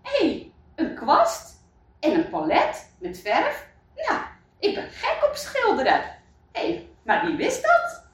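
Woman doing a delighted, squeaky wooden doll girl. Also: wildly swooping pitch, slow pace, heavily acted. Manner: high, delighted exclamations. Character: cheerful wooden doll woman who loves painting. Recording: roomy, distant mic.

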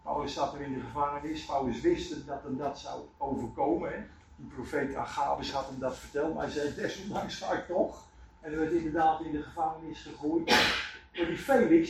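A man preaching a sermon, telling Bible stories with lively acted quotes. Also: fairly high pitch, slight background noise. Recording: echoey room, voice from far off.

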